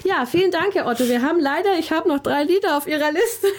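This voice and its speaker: A woman's voice: high voice, animated, fast talker. A woman hosting a community radio show, chatting cheerfully and laughing often as she wraps up. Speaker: radio host.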